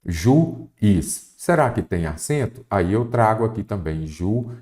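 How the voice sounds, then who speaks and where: A man's voice: lowish voice, big pitch swings, normal speed, a little mellow. A Brazilian man teaching a Portuguese exam-prep lesson, explaining step by step and asking the viewer questions. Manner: didactic, asks the viewer questions.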